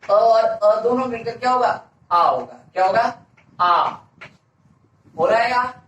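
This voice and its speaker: High-voiced teacher quizzing and answering himself. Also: male voice, a little slow, fairly bright tone, dull audio. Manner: asks a question and answers it himself, repeating each answer. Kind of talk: classroom-style grammar lesson. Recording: echoey room, voice from a distance, faint hiss.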